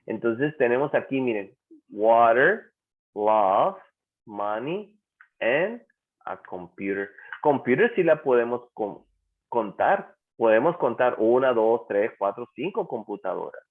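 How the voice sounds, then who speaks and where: A man teaching an English class in Spanish online, patiently repeating words slowly for students to practice. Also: mid-range voice, animated. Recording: tinny phone-like online class audio.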